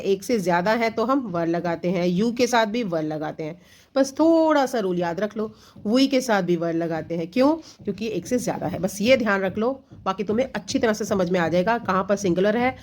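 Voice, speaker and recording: Patient woman teaching children grammar. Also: mid-range voice. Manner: patient, explains step by step, often asks and answers herself; mixes Hindi with English. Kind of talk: exam-prep grammar lesson for children.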